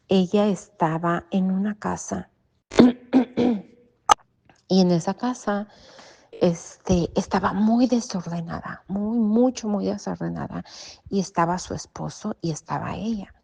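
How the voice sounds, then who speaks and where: A woman's voice: fairly low pitch, a little mellow. A woman, telling a personal story as an interview guest, hesitant and searching for words, on slightly muffled audio.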